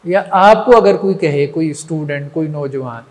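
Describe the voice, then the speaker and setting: High-voiced male religious lecturer, reverberant. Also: moderate pace. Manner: rhetorical, checks in with listeners often. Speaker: religious teacher. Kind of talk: lecture on moral training. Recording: long reverb.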